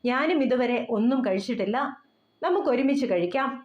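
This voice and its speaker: A woman voicing a caring, protective older-brother figure who coaxes gently, in a roomy, dull recording. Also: on the high side, animated, fairly quick, lightly acted. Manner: gentle, coaxing.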